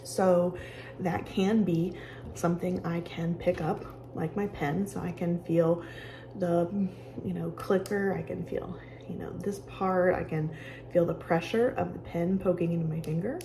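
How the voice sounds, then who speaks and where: A woman giving casual, conversational instruction as she guides a calming exercise with personal examples. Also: lowish voice, unhurried, background noise. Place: office with sound machines nearby.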